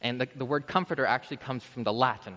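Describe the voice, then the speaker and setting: A man's voice: medium pitch, fast, a bit bright. A man preaching a sermon in a church, casual and conversational, restarting sentences and building to emphatic peaks. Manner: conversational, self-interrupting, rising to emphatic peaks. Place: church sanctuary. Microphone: podium microphone. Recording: long church reverb.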